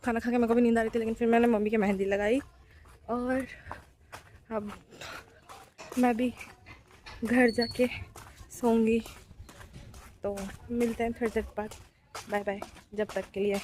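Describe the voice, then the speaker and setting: A woman's voice: a little high, flat delivery, a little slow, pauses often, a little mellow, a little hiss or hum. A woman vlogging her day in casual chat, talking straight to her viewers and getting emphatic when she rants. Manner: chatty, talks straight to viewers; heated and emphatic when ranting. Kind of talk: casual daily vlog chat.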